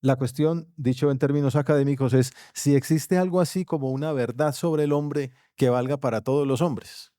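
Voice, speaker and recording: A Colombian man lecturing at a university conference, steady and measured, now and then slipping into quieter asides. His voice is dark and mellow. The sound is dry and close, with no room echo. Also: medium pitch. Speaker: conference speaker. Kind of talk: academic lecture. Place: university auditorium.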